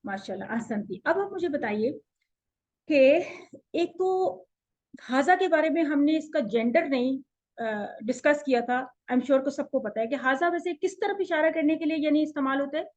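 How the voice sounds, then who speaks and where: A woman teaching an Arabic class online, explaining patiently and drilling pronunciation slowly. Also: high voice, expressive. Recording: dull lo-fi audio.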